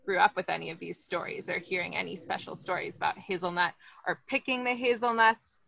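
Speaking briskly with fairly even intonation, a woman with a lowish, creaky, fairly bright voice hosts an upbeat online plant lesson and asks her audience questions. She's in her thirties, from Los Angeles, California, with an American accent, teaching from an indoor greenhouse. Her laptop or webcam video call audio is a bit dull.

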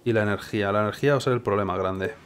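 Castilian spanish dude, kinda low voice, casual gaming commentary, mumbling plans to himself, bit of noise behind. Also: male voice, racing. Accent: Castilian Spanish from Spain. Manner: self-questioning, musing to himself. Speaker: gaming video host. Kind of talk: casual gameplay commentary, thinking aloud.

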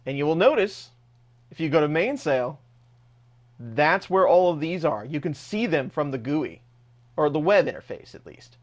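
A man's voice: on the high side, big pitch swings, normal speed. A man narrating a screen-recorded tech tutorial step by step in a casual, plain way. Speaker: host of a 3D printing tech channel.

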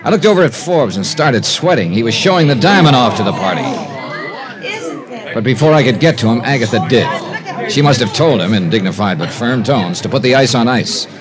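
In a 1950s radio drama broadcast with music, an American actor plays a wry, hard-boiled male investigator and also narrates with tension. He is the lead actor and narrator of a detective series. His mid-range voice is close to an everyday voice, brisk with lively intonation, and a crowd can be heard behind him.

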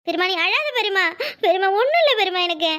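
A woman's voice: extremely high pitch, lively intonation, rapid-fire, pushed and bright, exaggerated voice. A woman with a Kanyakumari Tamil accent voicing a stubborn, devoted young woman in a cartoon, earnestly brushing off worry.

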